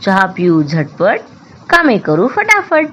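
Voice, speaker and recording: A woman voicing a patient mother rabbit in a storybook, coaxing gently in rhyme. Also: mid-range voice, wildly swooping pitch, slow pace, slight background noise, full character voice. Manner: gentle, coaxing, rhyming reassurance.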